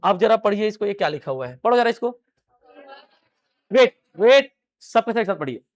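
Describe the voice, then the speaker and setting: A man with a high voice gives a live classroom lecture on English grammar. He fires questions at his students and answers them himself. He drills the same phrases again and again. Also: very animated, normal speed, muffled recording. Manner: repeats key phrases many times. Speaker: English teacher.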